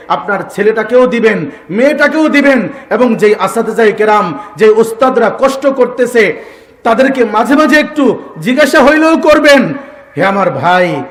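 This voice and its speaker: Fiery high-voiced preacher in a reverberant hall. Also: male voice. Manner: impassioned, rising to loud exhortations. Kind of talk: Bengali waz sermon. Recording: echoey hall with long reverb.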